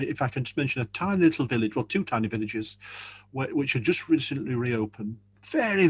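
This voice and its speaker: A man's voice: mid-range voice, slightly rough. A man speaking earnestly as a church leader in a panel discussion over a video call, often repeating words as he thinks.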